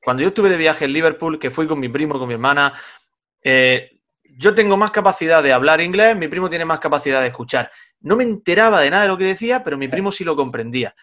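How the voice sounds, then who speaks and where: Host: fast-talking man, jokey, a bit high-pitched. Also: animated, pushed and bright, muffled recording. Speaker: podcast host. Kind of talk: casual chat.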